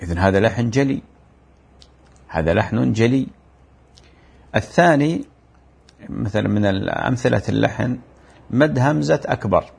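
A man giving a religious lesson, explaining mistakes in the call to prayer and chanting examples of them, in a drawn-out, repetitive teaching manner. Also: mid-range voice, animated, creaky, a little mellow, husky. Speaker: Islamic teacher. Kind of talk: religious lecture.

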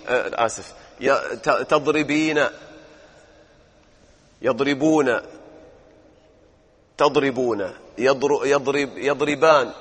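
A man's voice: mid-range voice, a bit bright, big-room sound. A male grammar teacher, drilling verb forms and quizzing his students in a classroom lesson.

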